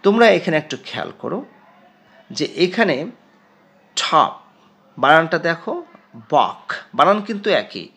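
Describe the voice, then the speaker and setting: A man teaching an English pronunciation lesson to students, speaking with a Bengali accent and drilling words slowly and emphatically. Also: a little high, very animated, a bit bright. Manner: slow, emphatic word-by-word drilling, addressing students directly.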